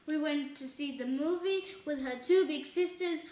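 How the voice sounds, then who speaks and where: A woman reading as an excitable little girl. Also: moderate pace, echoey room, a little hiss or hum, close to an everyday voice. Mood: cheerful. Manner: bursts into high shouts when scared. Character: excitable young girl afraid of ghosts.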